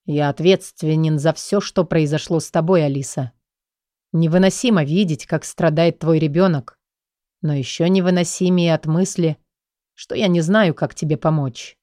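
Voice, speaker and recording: A woman voicing a stern, protective, quick-tempered middle-aged father in an audiobook, with a gruff lowered voice. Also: fairly even intonation, dark tone, dry recording, studio quality, close to an everyday voice. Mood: pained. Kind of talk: audiobook character voice.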